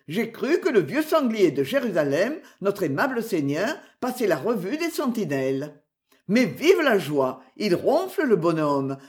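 Une femme qui joue une sentinelle bourrue. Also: female voice, mid-range voice, a little mellow. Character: gruff sleepy male castle sentry.

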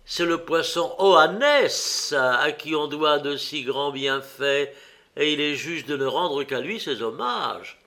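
A man's voice: a little high, lively intonation, slow pace, pushed and bright, full character voice. A man doing a lecturing Chaldean scholar. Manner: lecturing, pious. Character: self-assured male Chaldean scholar.

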